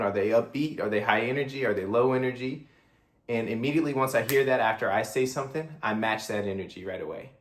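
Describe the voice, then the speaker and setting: A man's voice: fairly low pitch, echoey room. A young man casually coaching on how he handles sales calls, talking conversationally and acting out phone exchanges. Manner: conversational, acts out phone calls in varied voices. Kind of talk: casual instructional talk to camera.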